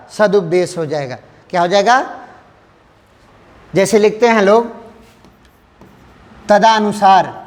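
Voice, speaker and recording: A man's voice: high-pitched, darkish tone, in a large hall. A male teacher giving an exam-prep lesson, who keeps asking the class questions and answering them himself.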